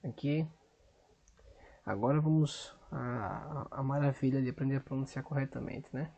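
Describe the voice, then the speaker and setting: A man with a Brazilian Portuguese accent thinking aloud at a computer as he works through language-app exercises, muttering to himself and repeating drill sentences loudly. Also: medium pitch, moderate pace, gravelly, highs cut off. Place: at a desktop computer.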